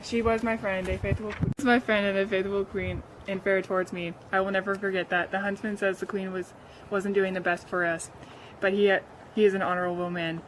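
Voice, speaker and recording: A woman's voice: mid-range voice, flat delivery, background noise, close to an everyday voice. A woman playing a sly grieving orator. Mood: mournful. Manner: halting, hesitant speech-making. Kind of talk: amateur play acting.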